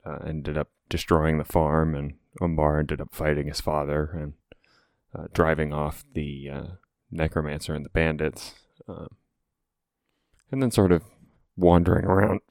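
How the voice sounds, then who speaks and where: Very deep-voiced man, flat and halting. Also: dry recording, studio quality. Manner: halting, meandering delivery. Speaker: tabletop game player. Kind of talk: casual character introduction.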